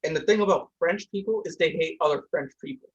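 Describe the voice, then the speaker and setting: A young Indian man hosts a podcast from a room at home, holding a casual discussion in a heated manner, speaking fast with many restarts. His voice is on the high side and slightly rough, and the sound is lo-fi.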